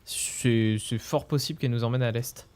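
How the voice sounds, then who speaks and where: A man with an average-pitched voice hosts a game playthrough. He comments casually and chats with the other players. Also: steady tone, normal speed, a little mellow. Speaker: video game playthrough host. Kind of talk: casual group gaming commentary.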